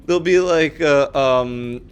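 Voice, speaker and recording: A man's voice: on the high side, slow pace, smooth. A man co-hosting a casual chat, telling stories with lots of fillers and restarts. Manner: rambling, storytelling with many fillers and restarts. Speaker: podcast co-host.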